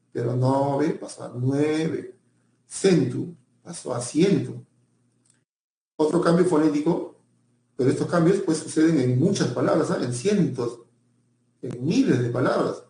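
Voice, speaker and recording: A man's voice: on the high side, warm tone, reverberant. A male teacher giving a pre-university language lecture, often repeating himself and checking in with his students.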